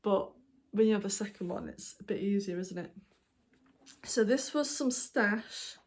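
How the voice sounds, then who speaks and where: A woman from the United Kingdom runs a knitting podcast and, in a casual show-and-tell vlog, rambles through her projects with lots of ums and apologies. She has hiccups, and her voice is medium-pitched with a measured pace.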